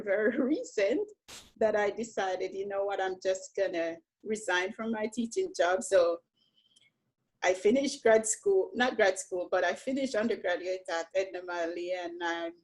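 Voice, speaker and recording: A woman from Jamaica, a painter telling her story in a relaxed, reflective conversation, often saying "you know". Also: mid-range voice, unhurried, low-quality recording. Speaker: painter, interview guest.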